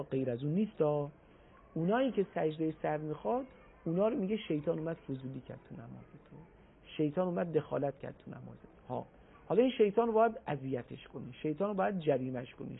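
A man giving a religious talk on a broadcast program, explaining patiently and reciting Arabic phrases slowly. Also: on the high side, creaky, slightly rough. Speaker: religious speaker. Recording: tinny phone-like broadcast audio.

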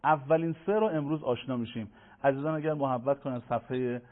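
A man teaching Quran pronunciation in a televised lesson, patient and formal, addressing viewers politely and slowing down to chant verses. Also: mid-range voice. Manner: slows to chant Arabic verses. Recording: tinny phone-like broadcast sound.

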